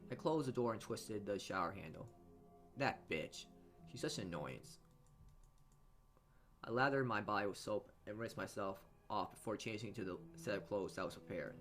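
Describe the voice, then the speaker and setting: Game music sits behind a man reading visual novel narration aloud at a normal speed, his fairly low voice a bit bright. As a let's play host he comments on the side, stumbling and rereading phrases along the way.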